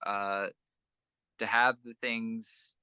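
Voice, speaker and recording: A young man with a very low voice, bright and forceful on top, talks loosely about his band. He rambles, restarts and fills gaps as he goes. The sound is close and dry. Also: level tone, drawn-out words, clean tone, dry recording. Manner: rambling, many fillers and restarts. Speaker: band musician, interview guest. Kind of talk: casual interview chat.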